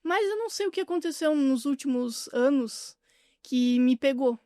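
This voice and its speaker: A woman with a Brazilian Portuguese accent, speaking candidly as an interview guest, with halting restarts. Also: high-pitched, lively intonation, mellow, no room sound, clean studio sound. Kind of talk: casual interview chat.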